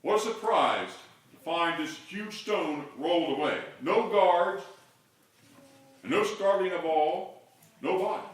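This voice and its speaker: Older guy preaching, higher voice, kinda far from the mic, big echoey church. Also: lively intonation, takes it slowly. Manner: builds to loud call-and-response shouts. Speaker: pastor. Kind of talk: sermon. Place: large church sanctuary.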